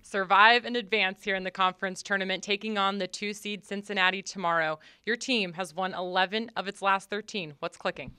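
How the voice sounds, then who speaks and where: Female sports reporter, bright and clean, crisp scripted questions, dry sound. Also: mid-range voice, steady tone, a little fast, hardly any pauses, no echo. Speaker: sideline reporter. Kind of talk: post-game interview questions.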